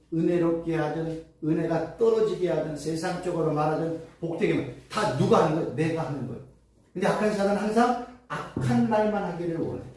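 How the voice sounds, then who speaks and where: A woman's voice: low voice, darkish tone. A woman theology professor giving an emphatic, sermon-like Bible lecture full of repetition and rhetorical questions, recorded in an echoey room from a distance. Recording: echoey room, far from mic.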